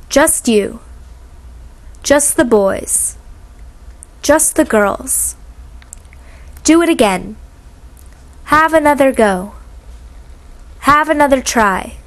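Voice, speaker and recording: Woman, high voice, reading short classroom commands very slowly, with careful articulation. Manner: slow, clearly articulated, pausing after each phrase. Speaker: English instruction reader.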